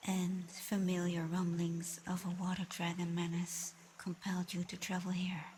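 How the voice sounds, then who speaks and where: A woman with a lowish voice plays a haughty, reclusive dragoness in an ASMR roleplay. Her delivery is slow, deliberate, flat, and controlled, at once mocking, menacing, and a little curious, with some background noise underneath.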